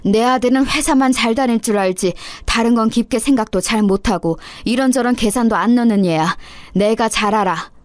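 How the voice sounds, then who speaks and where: A woman's voice: fairly high pitch, moderate pace, no echo, clean studio sound, lightly acted. A woman voicing a stern older stepmother-in-law who scolds and accuses her daughter-in-law. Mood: accusing.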